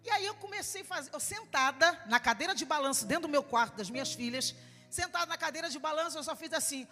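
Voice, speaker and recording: A middle-aged woman with a Brazilian accent preaching a fervent sermon with personal testimony, building up to shouts. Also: high voice, expressive, quick pace. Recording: echoey hall with faint music.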